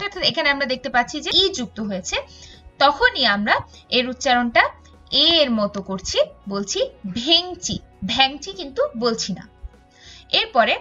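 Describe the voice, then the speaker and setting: A woman's voice: high-pitched, pushed and bright, highs cut off. A woman teacher explaining pronunciation rules in an online class lecture, going through examples one by one.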